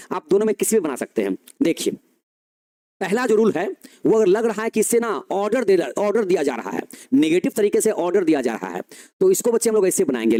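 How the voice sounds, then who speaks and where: A male teacher giving a grammar lesson, explaining slowly, repeating key phrases and answering his own questions. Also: high-pitched, mellow.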